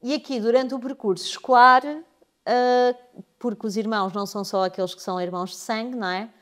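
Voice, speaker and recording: A woman's voice: a little high, fairly even intonation, brisk, a bit bright. A woman hosting a podcast, leading a casual interview with prompting questions and frequent check-ins. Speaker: podcast host.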